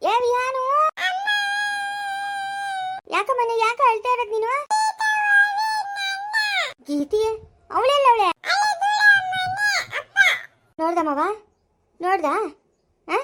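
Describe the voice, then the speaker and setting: A woman doing a shrill old village mother. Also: brisk, heavy background noise. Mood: distressed. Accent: rural Chikkaballapura Kannada.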